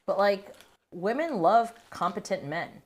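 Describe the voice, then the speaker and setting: A woman chimes in as co-host of a cooking stream, teasing and asking questions in a very lively, swinging voice. Her pitch sits in the middle of the female range, with a faint hiss behind her. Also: a little slow. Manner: playful and teasing, asks questions. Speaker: co-host reading chat. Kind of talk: casual banter on a cooking stream.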